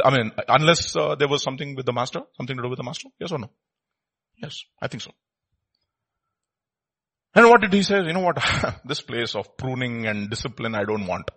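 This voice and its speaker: A man's voice: on the high side, expressive, a little fast, fairly bright tone. A man with an Indian accent preaching informally, repeating short phrases and putting rhetorical questions to his listeners.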